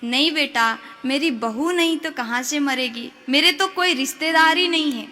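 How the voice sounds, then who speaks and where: A woman's voice: sits high, normal speed, bright, forceful tone, soft background music. A woman storyteller voicing an old blind male devotee who weeps and pleads with God. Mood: tearful. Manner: tearful, pleading.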